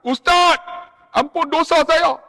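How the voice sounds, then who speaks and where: A preacher putting on a tattooed older Malay pilgrim, pleading. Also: male voice, extremely high pitch, fairly even intonation, takes it slowly, vocal fry, bright, forceful tone, big-room sound, voice pushed up, heavily acted. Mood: tearful. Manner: pleading, anxious.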